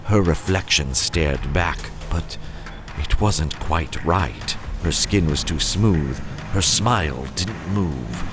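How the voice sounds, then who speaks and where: Against background noise, a man with an extremely low voice hosts a horror story, telling it with theatrical suspense. He adds playful asides and lets dramatic pauses hang.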